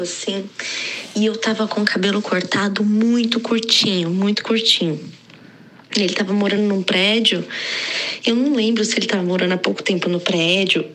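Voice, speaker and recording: A woman's voice: medium pitch, a bit bright, a little hiss or hum. A woman telling an embarrassing personal story in a casual audio message, laughing now and then. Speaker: listener sending an audio story.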